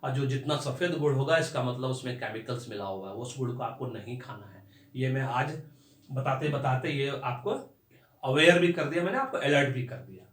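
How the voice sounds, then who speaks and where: A man's voice: mid-range voice, expressive, a bit bright. Man teaching English words in an echoey room. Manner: explains slowly, spells words out letter by letter. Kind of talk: vocabulary and pronunciation lesson.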